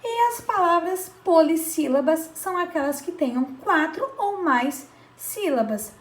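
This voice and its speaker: A woman's voice: extremely high pitch, lively intonation. Patient teacher, woman, roomy sound. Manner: slow, patient, stretches out syllables, checks in with "certo?". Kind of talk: children's grammar lesson.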